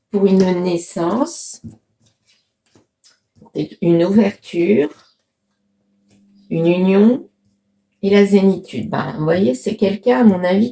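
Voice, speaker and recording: A woman's voice: mid-range voice, mellow. A middle-aged woman doing a casual card reading, chatty and thinking aloud with many fillers. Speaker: tarot card reader.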